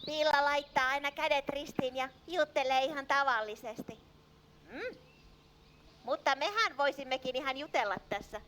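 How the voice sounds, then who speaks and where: A woman voicing an excitable, fretful little sheep in a church puppet show, full of small cries. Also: high-pitched, slight background noise. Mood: hopeful. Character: anxious clumsy little lost sheep, female. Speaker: puppet character.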